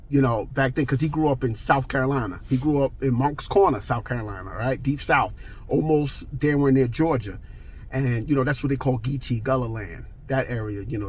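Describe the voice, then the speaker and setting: A man's voice: mid-range voice, a little hiss or hum. A man in his forties, talking to the camera in a casual, emphatic monologue and often checking in with "okay?". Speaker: vlogger.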